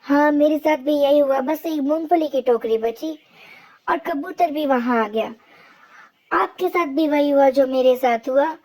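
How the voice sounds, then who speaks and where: A woman's voice: high-pitched, measured pace, a little mellow. A woman voicing a worried, tearful mother sparrow in a cartoon story, talking in an anxious, pleading way. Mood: weary.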